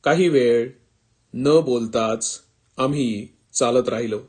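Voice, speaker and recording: A man reading a literary story in the first person, with calm, measured narration. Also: medium pitch.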